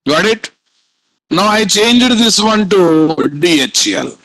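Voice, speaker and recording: A man's voice: high-pitched, animated, slow, fairly bright tone, dry recording, low-quality recording. A man with a Telugu Indian accent lecturing live as a programming instructor, repeating points and constantly quizzing his students with questions.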